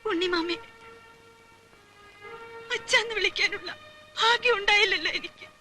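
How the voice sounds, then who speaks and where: A woman's voice: very high-pitched, normal speed, pushed and bright. An actress playing a despairing young orphan woman who speaks wearily through tears, in a film with music behind. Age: young adult. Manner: weary, tearful pleading. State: crying.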